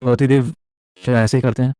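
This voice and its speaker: A man voicing a shy, naive female ghost bride who talks softly and sweetly. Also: medium pitch, level tone, a little fast, dry recording, clean studio sound, natural voice. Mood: sweet, innocent.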